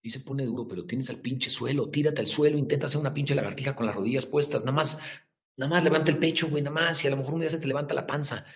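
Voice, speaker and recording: A man's voice: medium pitch, racing. Profane, blunt Mexican man ranting. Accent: Mexican Spanish. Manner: profane, blunt, shifts from hushed to shouting. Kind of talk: motivational rant to camera.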